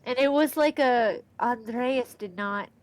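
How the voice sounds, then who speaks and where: A woman with a fairly high voice streams a game at a measured pace, nose stuffy from allergies, chatting casually and excitedly reading the on-screen text aloud. She's a let's play streamer, and heavy background noise fills the audio.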